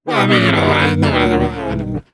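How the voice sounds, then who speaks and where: A man voicing a gleeful, boastful male Christmas demon who hosts a comedy show, talking in a growling, mocking rasp with many cackles. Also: very deep voice, wildly swooping pitch, fast, a loud crowd, full character voice. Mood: gleeful menace. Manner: mocking, cackling, rambling menace. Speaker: show host.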